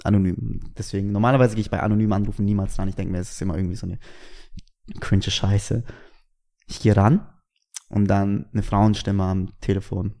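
A man's voice: on the low side, brisk, creaky. A young man telling stories in casual, slangy chat as a podcast co-host. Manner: slangy, animated storytelling.

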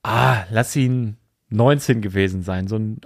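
A man's voice: lowish voice, a little slow. A man, co-hosting a podcast and telling a rambling anecdote in casual chat. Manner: rambling anecdotal storyteller, laughs often. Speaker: podcast co-host.

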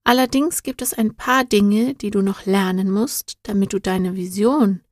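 A woman voicing a patient, wise male guide in a storybook, speaking calmly and softly, often close to a whisper. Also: mid-range voice, unhurried, no room sound, lightly acted. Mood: gentle, soothing. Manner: calm, soothing, at times whispered.

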